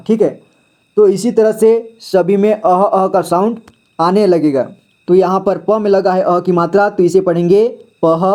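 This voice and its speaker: A man with a fairly high but mellow, soft-edged voice leads a slow Hindi phonics lesson. He reads each word twice, asks what it should be read as, and answers himself in a steady, patient way. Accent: Indian Hindi. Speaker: Hindi reading teacher. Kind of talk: slow phonics lesson, reading words aloud.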